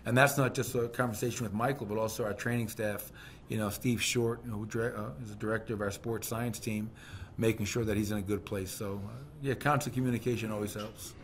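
Middle-aged coach talking into a desk mic. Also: male voice, lowish voice, fairly even intonation, fairly quick, a little hiss or hum. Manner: candid, conversational, peppered with fillers and restarts. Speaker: basketball head coach. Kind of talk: post-game press conference answers. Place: team press room, seated at a table. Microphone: desk microphone on a stand.

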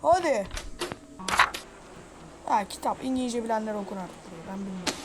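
High-voiced woman cursing through a horror game. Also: animated, moderate pace, heavy background noise. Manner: foul-mouthed, yelling at the game. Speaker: gameplay streamer.

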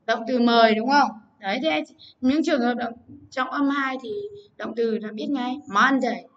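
Heard from a distance on lo-fi audio, a woman with a voice on the high side teaches English word stress to children in an online class at a moderate pace. She repeats words and urges her pupils to hurry up and write.

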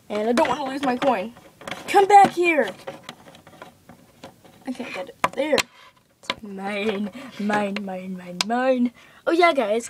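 A female speaker in a casual webcam vlog at home, chatty and excitable, filling her talk with "like". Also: a little high, noisy background. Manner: chatty, many "like" fillers, excitable.

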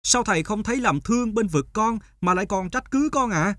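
An actor voices an earnest, aggrieved young male student in an animated folk tale, protesting plaintively and emphatically. His voice sits high and moves a little fast, with no room sound.

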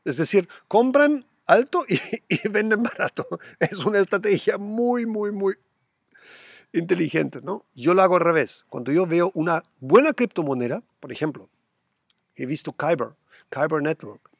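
A man's voice: high-pitched, animated, normal speed, vocal fry, breathy edge, no room sound, studio quality. A middle-aged man hosting a crypto channel from home, talking casually to camera and squealing when he mimics panicked buyers. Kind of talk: casual direct-to-camera talk.

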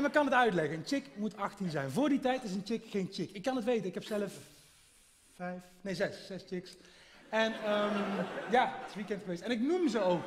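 A man doing stand-up, teasing and quizzing his audience in a deadpan way on a theater stage. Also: high-pitched, background noise. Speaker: stand-up comedian. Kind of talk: stand-up crowd work. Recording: live hall with long reverb, crowd laughter.

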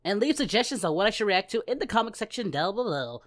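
A woman voicing Goku, a cheerful, goofy adult male martial-arts hero, in an excitable in-character reaction commentary that shouts at the screen. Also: mid-range voice, fast talker, natural voice. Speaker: reaction video host.

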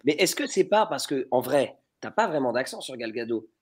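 A man's voice: mid-range voice, sing-song, a little fast, husky. A man, a dubbing actor, chatting as a guest on a live stream, thoughtful and questioning. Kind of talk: casual live chat.

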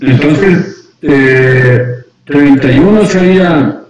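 A man student answering in an online class, hesitant and pausing with fillers, heard from afar over the call. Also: a little high, a little mellow. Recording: echoey, dull call audio from afar.

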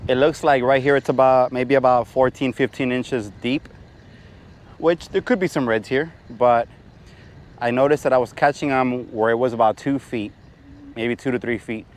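A man's voice: medium pitch, moderate pace. A man narrating a casual fishing vlog from a small boat, whooping and chatting to his viewers. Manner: excited hollering when fish bite. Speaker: fishing vlogger. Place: small boat out on open bay water. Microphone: action camera worn on the body. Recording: outdoor camera audio with wind noise. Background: wind and water.

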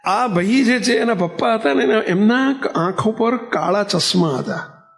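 High-voiced monk telling a story. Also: male voice, animated, measured pace, vocal fry, soft background music. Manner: vivid storyteller acting out dialogue. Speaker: monk preacher. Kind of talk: sermon storytelling.

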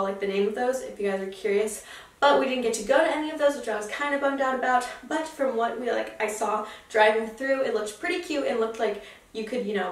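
A young woman vlogging in a casual, chatty way, rambling with fillers and restarts. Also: on the high side. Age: young adult. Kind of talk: casual vlog chat.

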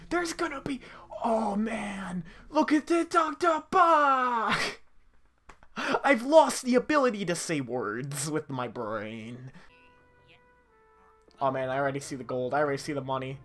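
A woman doing let's play commentary on a video game, giggling often, swearing and reacting loudly. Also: deep voice. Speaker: game streamer.

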